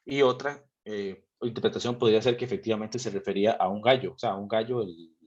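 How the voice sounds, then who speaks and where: A man's voice: on the low side, brisk, dull audio. A man from Rica, reading scripture aloud and patiently explaining it in a Bible study talk. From Costa Rica. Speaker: theology group speaker.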